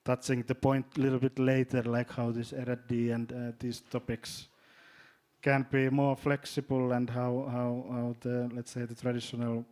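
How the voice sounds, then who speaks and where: Halting Finnish-accented man, flat and mellow. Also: medium pitch. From Finland. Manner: halting, repeats words, many fillers. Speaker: panelist, drone company executive. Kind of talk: panel discussion.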